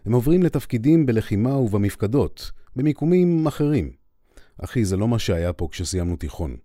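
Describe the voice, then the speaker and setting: A man's voice: medium pitch, very animated, dark tone, no echo, clean studio sound, lightly acted. A man voicing a cocky male air force officer who teases an old friend. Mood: teasing. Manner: teasing, self-assured.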